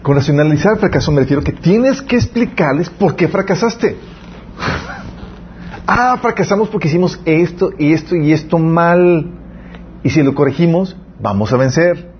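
A man's voice: fairly high pitch, moderate pace. A young man, giving a conversational sermon as a youth preacher, telling stories and speaking straight to his audience. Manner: lively storytelling, addresses the audience directly. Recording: slightly muffled recording with faint background noise.

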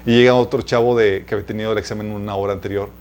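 A preacher with a Mexican Spanish accent teaches a church sermon series to a live audience in a chatty, conversational style, calling the listeners "chicos" and asking them questions. He tells personal stories and laughs at his own tales. His voice is fairly low, a little mellow, and racing, with fairly even intonation and a little hiss or hum in the recording.

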